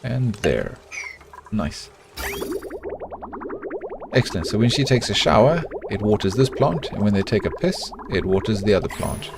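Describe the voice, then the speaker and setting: Over music, a middle-aged man with a South African accent talks in a lowish, creaky voice at a measured pace, pausing often. He's streaming a colony-building game, relaxed and chatty with his live chat and thinking aloud as he builds.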